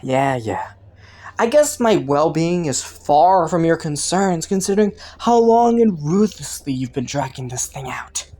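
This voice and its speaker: A woman's voice: low voice, expressive, dark tone. Woman acting flirty, swooping, teasing criminal Killua. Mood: mock wounded. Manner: playful, taunting, coy, drawn-out mock innocence. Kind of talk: scripted roleplay audio, intimate monologue to the listener.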